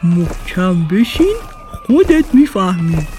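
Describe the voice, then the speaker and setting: A woman voicing a big, friendly, hungry male dinosaur in a children's storybook, calling out loudly. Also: lowish voice, big pitch swings, soft background music, voice pushed down. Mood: booming.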